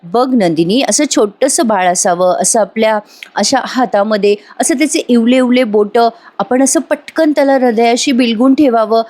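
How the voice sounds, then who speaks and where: A woman's voice: on the high side, normal speed, darkish tone, lightly acted. A woman reading out the lines of a hurt young husband who pours out his grief and reproach. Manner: wounded, reproachful, heartfelt.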